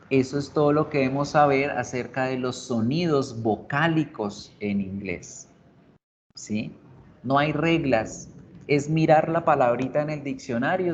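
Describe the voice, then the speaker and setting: A man teaching an online English class, explaining slowly and repeating each word several times for drilling. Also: mid-range voice. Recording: slightly dull recording with faint noise.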